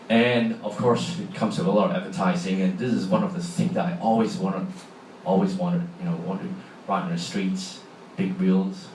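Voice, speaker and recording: Speaking in a large hall, this middle-aged Hong Kong-accented man delivers a conversational public talk and quizzes his listeners. His voice is low-pitched and somewhat dark, and there's a little hiss or hum. It was captured from far off in the echoey space, with faint ambience around it.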